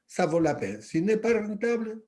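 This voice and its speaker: A man with a Latin American Spanish accent speaks halting non-native French, searching for words and repeating himself as he reflects at a church workshop. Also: high voice, sing-song, darkish tone.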